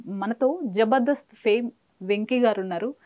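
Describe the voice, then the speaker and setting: A woman's voice: fairly high pitch, moderate pace, muffled recording, loud music behind the voice. A woman hosting an interview and asking her guest questions. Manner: attentive, frequent hums of agreement. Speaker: interview host. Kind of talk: casual interview chat.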